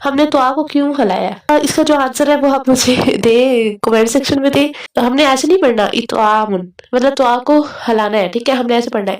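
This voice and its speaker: A woman with a Pakistani Urdu accent who teaches Quran reading in an online lesson, talking with viewers in a chatty way and drilling syllables slowly. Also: a little high, a little mellow, echoey room, recorded from a distance, poor audio. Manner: chatty, keeps asking viewers to comment. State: has a cold.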